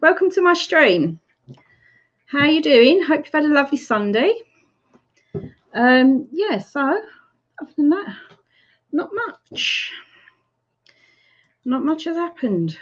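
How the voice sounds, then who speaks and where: A woman's voice: high-pitched, very animated, takes it slowly, pauses often. A middle-aged woman with an Essex accent hosting a casual livestream chat, greeting viewers by name and laughing often. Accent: Essex English. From Essex, England. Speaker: livestream host. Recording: slightly muffled lo-fi stream audio.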